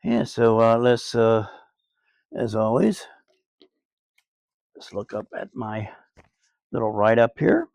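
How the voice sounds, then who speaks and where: Slow, gravelly man in a laid-back vlog. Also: medium pitch, animated, darkish tone, dry recording. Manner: laid-back, rambling, crude jokes, many fillers. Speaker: cigar reviewer, channel host. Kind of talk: casual outdoor cigar review vlog. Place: outdoors on a sunny day.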